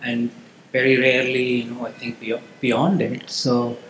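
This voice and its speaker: A man's voice: mid-range voice, monotone, measured pace, fairly bright tone, reverberant, a little hiss or hum, low-quality recording. A man from the Tamil-speaking region of India asking questions in a hesitant, apologetic way.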